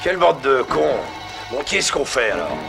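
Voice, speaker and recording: A man dubbing a fretful prisoner into French, excitable and complaining, swearing often, with film music underneath. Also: medium pitch, moderate pace, vocal fry. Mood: indignant. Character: loud, fretful man jailed, protesting innocence.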